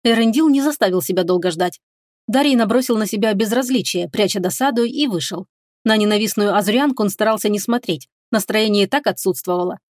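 Audiobook narrator: woman, even middle voice, dry studio read. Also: medium pitch, brisk, no room sound. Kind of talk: scripted fantasy narration.

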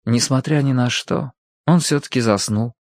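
A man narrating an audiobook in a measured, expressive reading. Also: mid-range voice, dry recording, clean studio sound.

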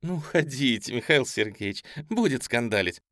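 A man reading an audiobook, voicing a lively young maid who scolds in a high, folksy way. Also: normal speed, no echo, studio quality, natural voice. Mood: chiding. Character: lively young maid, chiding and half-amused.

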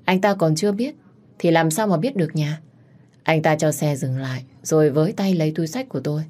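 A woman narrating a dramatic romance story in the first person, steady and expressive. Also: deep voice, fairly quick.

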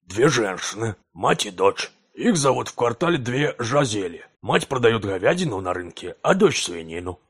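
A male narrator voicing a gruff, rough-voiced night watchman. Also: lowish voice, very animated, moderate pace, hardly any pauses, exaggerated voice. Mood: plain.

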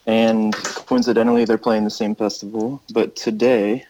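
An American touring musician with a fairly low-pitched voice chats casually at a moderate pace during a phone interview. He rambles in a relaxed way, thinking aloud as he goes, with background noise audible.

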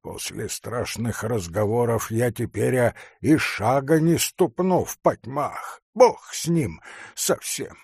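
A man's voice: medium pitch, expressive, slow pace, creaky, a little mellow, husky, dry recording, clean studio sound, exaggerated voice. A man voicing a frightened, pious old male forester who talks in a plaintive, sighing way.

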